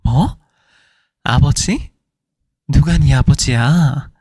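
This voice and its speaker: A man's voice: medium pitch, drawn-out words, dark tone, husky, dry recording, studio quality, heavily acted. A man voicing a furious middle-aged wife who fires indignant questions at her husband, in a storytelling reading. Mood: shocked.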